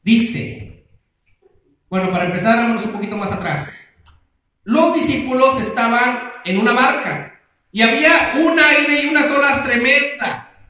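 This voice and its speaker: High-voiced pastor in an echoey church. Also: male voice, unhurried, long pauses, sharp tone. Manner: asks the congregation questions and answers them himself. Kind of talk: sermon. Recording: very echoey room.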